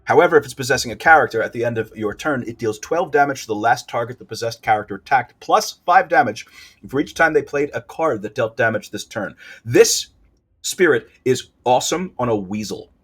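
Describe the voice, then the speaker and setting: A man does casual let's play commentary, walking through his strategy card by card with fillers and self-corrections. His mid-range voice is animated, a little fast, a bit bright and husky.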